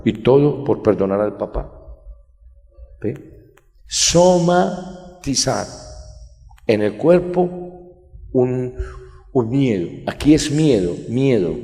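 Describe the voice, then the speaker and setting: A man's voice: mid-range voice, warm tone, long reverb tail. A man, a priest, preaching at a healing congress and telling stories with emphatic, rising indignation. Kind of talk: healing sermon.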